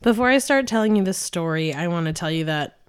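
A young woman from New York state hosting a casual true-crime podcast, chatty and quick to laugh as she tells the story. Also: lowish voice, expressive, clean tone. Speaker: podcast host narrating the case.

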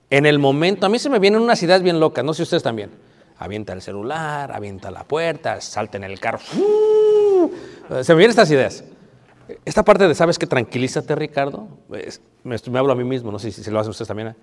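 A man's voice: fairly high pitch, animated, a little fast. A man preaching a marriage sermon, conversational and playful, asking the audience questions. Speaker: pastor. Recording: long reverb of a hall.

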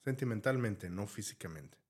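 A man's voice: lowish voice, animated, moderate pace, darkish tone, husky. A man co-hosting a casual podcast chat, mostly giving brief backchannels and asking short curious questions. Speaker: podcast co-host.

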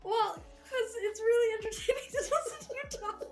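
Giggly woman co-host with a high voice, chimes in with quick reactions, faint music behind. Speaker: podcast co-host. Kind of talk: casual comedy chat.

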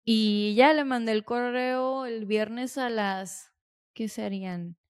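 Chatty young Mexican woman, slightly high. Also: slow pace, clear, resonant tone. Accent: Mexican Spanish. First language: Spanish. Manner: chatty, self-deprecating, confiding. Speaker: podcast host. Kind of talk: personal reflection monologue.

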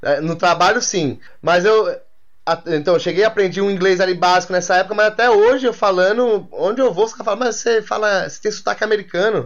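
A man with a Brazilian accent and a notably high voice hosts a casual podcast chat. He talks loosely, slangy and rambling. The sound is dull and lo-fi. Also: quick pace. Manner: relaxed, slangy, loose run-on talk. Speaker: podcast host.

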